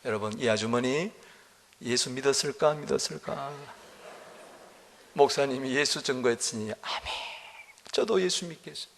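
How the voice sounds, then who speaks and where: A man's voice: medium pitch, normal speed, creaky, long pauses, long reverb tail. A male pastor preaching a sermon in a church sanctuary, telling stories vividly and acting out the voices in them. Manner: animated storytelling, acting out quotes.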